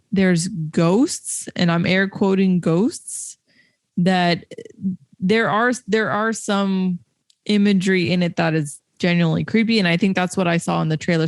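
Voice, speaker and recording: A woman's voice: fairly low pitch, dry recording. A woman co-hosting a movie podcast, talking casually and enthusiastically, repeating words for emphasis. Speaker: podcast co-host. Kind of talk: casual movie review chat.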